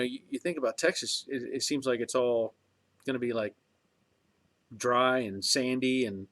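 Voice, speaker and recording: A man's voice: medium pitch, fairly bright tone. Rambling, reflective man in his fifties. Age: 50s. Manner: rambling and reflective, many fillers and restarts. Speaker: livestream host reading viewer comments. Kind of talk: casual chat.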